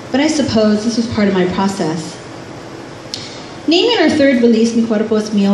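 In a mid-range, slightly mellow voice, a middle-aged woman from California reads her own memoir live on a club stage; she's an author and musician working from a script. The audio comes from a distant camera recording her stand microphone via the PA, roomy and faintly noisy, with soft ambience behind.

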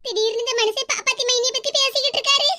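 Someone voicing a super high-pitched worried cartoon mom with a kanyakumari accent, fast and coaxing. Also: fairly even intonation, pushed and bright, full character voice. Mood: pleading. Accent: Kanyakumari Tamil. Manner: coaxing, repeats pleas, frets aloud to herself. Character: worried middle-aged wife and mother, fussing and pleading. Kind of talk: cartoon comedy voice acting.

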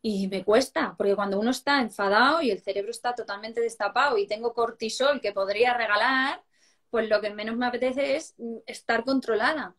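Higher-pitched woman explaining earnestly. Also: a little fast, a bit bright. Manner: explanatory, earnest, rhetorical questions. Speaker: psychologist guest. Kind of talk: casual live-stream chat on parenting.

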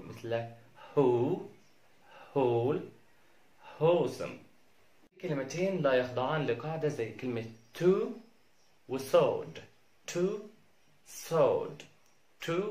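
An Egyptian man runs a pronunciation lesson, his voice sitting at a middling pitch. He says every example word slowly, three times over. The room around him rings with noticeable echo. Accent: Egyptian Arabic. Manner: repeats each word three times, slow and careful. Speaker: English teacher. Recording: echoey room.

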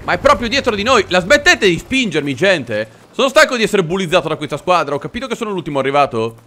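A man, giving excitable, jokey let's-play commentary as he plays a war game. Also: sits high, fast talker, slight background noise. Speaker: gaming commentator. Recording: game gunfire behind.

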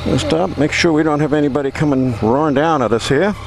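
A man's voice: on the high side, fast talker, creaky. A man chatting casually and plainly as he rides a motorcycle, speaking into a microphone inside his helmet and often repeating himself. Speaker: motorcycle vlogger. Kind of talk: casual chat while riding. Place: outdoors riding a motorcycle on suburban roads. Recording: loud engine and wind noise, helmet mic.

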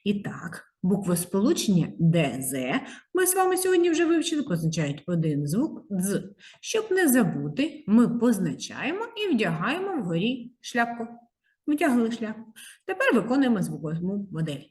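A woman teaching a handwriting lesson to young children, slow and sing-song, drawing out the sounds of letters. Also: medium pitch, big pitch swings, darkish tone. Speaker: primary school teacher.

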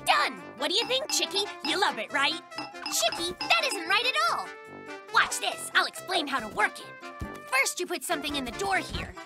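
A boastful little cartoon polar bear cub, voiced by an actor, brags and spins tall tales in a very high, squeaky voice. His pitch bounces all over the place, with yelps and squeals of excitement. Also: moderate pace, music in the background, exaggerated voice. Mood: excited. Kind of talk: cartoon voice acting.

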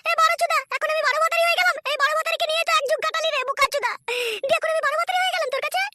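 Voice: very high voice, steady tone, racing, background noise. A performer voicing a furious, betrayed adult wife in a cartoon who scolds and swears at her husband.

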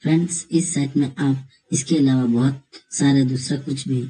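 At a moderate pace, a man with a slightly rough, mid-range voice narrates a screen tutorial on completing an online form. He explains each step steadily and addresses viewers as friends, though the recording is low in quality.

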